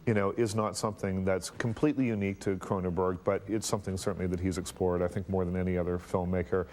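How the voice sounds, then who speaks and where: A man with a fairly low voice, working through his analysis of films in an interview and restarting sentences as he thinks. Faint room noise hangs behind him. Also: flat delivery, quick pace, darkish tone.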